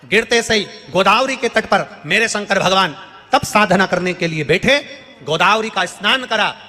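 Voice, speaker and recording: A man's voice: high-pitched, lively intonation, moderate pace, sharp tone. A man telling a devotional sermon story to an audience, repeating phrases for emphasis and calling out questions to the crowd. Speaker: preacher. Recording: long hall reverb with faint music.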